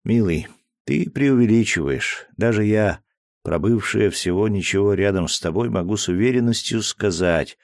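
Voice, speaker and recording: A man reading a storybook voicing a gentle, loving young woman who speaks softly and coaxingly, with a slightly raised voice. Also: on the low side, normal speed, dry recording, clean studio sound, voice pushed up, natural voice. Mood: reassuring. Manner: soft, tender, coaxing.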